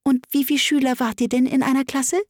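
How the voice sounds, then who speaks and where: A woman's voice: sits high, level tone, brisk, no room sound, clean studio sound, voice pushed up. A woman voicing a curious young girl in a storybook reading, speaking in an earnest, questioning way. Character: curious polite young girl, easily ruffled.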